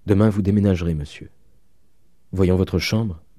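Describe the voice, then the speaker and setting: A man voicing a gentle, sensible young woman who speaks softly and evenly. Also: low-pitched, moderate pace, dry recording, studio quality. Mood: tender.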